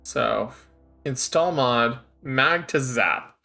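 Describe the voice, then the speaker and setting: A man casually commentating on a game live as a streamer, thinking out loud. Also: medium pitch, drawn-out words, vocal fry, soft background music. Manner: reads game text aloud, thinks out loud.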